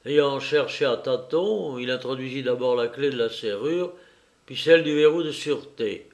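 A man narrating an audiobook in a measured, unhurried reading. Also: mid-range voice.

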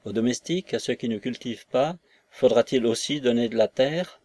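A man's voice: medium pitch, darkish tone, no echo, close to an everyday voice. Man reading Nekhludov, an earnest landowner. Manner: earnest, persuasive, measured. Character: idealistic young male landowner, earnest and reasoning. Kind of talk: audiobook character reading.

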